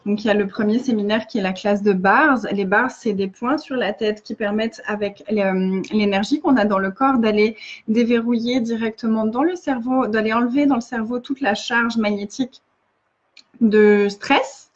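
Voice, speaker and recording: A woman's voice: a little high, fairly even intonation, normal speed, slightly rough, muffled recording. A woman facilitator giving earnest casual coaching in a live video, often restarting and repeating phrases.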